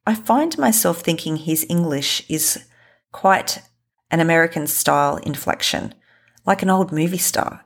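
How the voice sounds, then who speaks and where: Woman, travel-podcast host; deep register, gravelly texture, unhurried first-person storytelling. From Australia.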